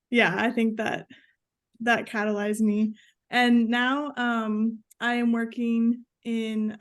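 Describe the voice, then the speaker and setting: Higher-voiced young woman, chatty. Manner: chatty, with many likes and ums. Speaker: panelist. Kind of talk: casual conversational panel talk.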